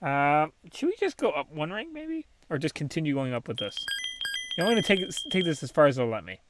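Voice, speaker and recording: A man's voice: on the high side, sing-song, brisk, faint music behind. A man casually commentating his own game play, thinking aloud with many ums and small laughs. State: has the hiccups. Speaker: gaming channel host.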